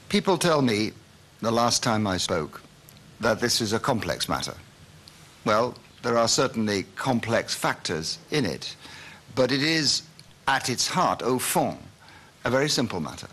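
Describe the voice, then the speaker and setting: A British man, a member of the upper house of parliament, giving a formal conference speech with measured, emphatic oratory and pauses. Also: medium pitch, fairly bright tone. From Britain.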